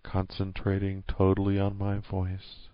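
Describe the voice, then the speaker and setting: A man speaks right in the listener's ear in a hushed, soothing yet commanding hypnosis narration, slipping toward a whisper at times, on a dull close-miked recording. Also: sits low, monotone, a little slow, dry recording. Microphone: close microphone, dry.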